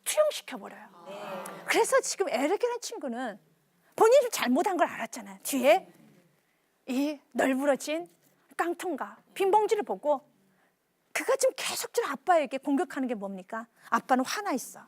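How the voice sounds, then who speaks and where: Female preacher, high and very lively, animated storyteller who questions the congregation. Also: moderate pace, no echo. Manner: animated storytelling, acts out dialogue. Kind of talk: sermon.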